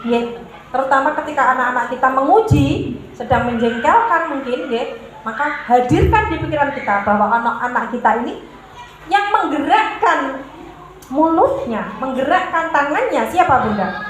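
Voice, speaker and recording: A woman with a high, light voice gives a parenting talk to an audience of mothers. She asks the crowd questions and then answers them herself, and now and then she slips in words. Her voice rings through a big, echoing hall, with steady background noise underneath it. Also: normal speed. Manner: calls listeners "Bunda", asks and answers own questions; mixes in Javanese words. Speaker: parenting speaker.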